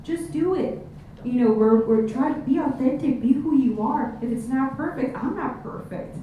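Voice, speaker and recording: A woman's voice: high voice, normal speed, lo-fi sound. A woman with a Miami accent giving direct, motivational advice as a panelist. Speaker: panelist, business owner. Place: panel event room with an audience. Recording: echoey room, distant mic, faint noise.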